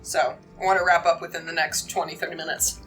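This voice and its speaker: A man's voice: fairly high pitch, level tone, quick pace, low-quality recording. A man improvising narration as the game master of a tabletop role-playing game. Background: soft music.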